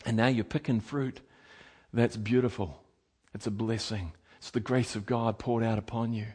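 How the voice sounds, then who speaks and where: A man preaching a sermon with passion, moving from loud exhortation to hushed tones. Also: fairly low pitch, fairly even intonation, moderate pace, slightly rough.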